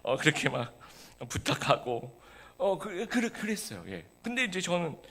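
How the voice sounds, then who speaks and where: Man, pastor, conversational sermon, lively pitch, bright tone. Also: a little slow. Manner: conversational preaching with frequent fillers and acted quotes. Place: church service.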